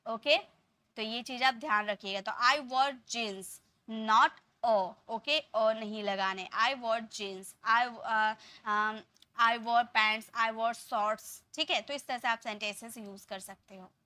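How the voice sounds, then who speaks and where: Woman English tutor, patient, repeats examples slowly; high, sharp, dry voice. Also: no room sound. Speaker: English teacher. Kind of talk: Hindi-language grammar lesson.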